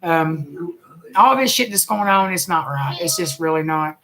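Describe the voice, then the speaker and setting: A woman's voice: low voice, lively intonation, measured pace, a bit bright. A woman, a single mother venting in a blunt, emotional rant full of swearing and bitter laughs. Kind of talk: angry personal rant.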